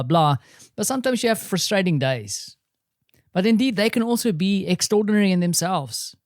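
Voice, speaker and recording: A man's voice: fairly high pitch, clean tone, no echo, clean studio sound. A middle-aged man hosting his own podcast, rambling and self-deprecating in a casual solo monologue. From South Africa. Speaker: podcast host. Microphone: studio microphone.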